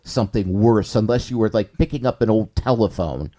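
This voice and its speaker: Brief: middle-aged male podcast co-host, mellow dark tone, indignant and emphatic. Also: on the low side, brisk. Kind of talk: casual podcast chat.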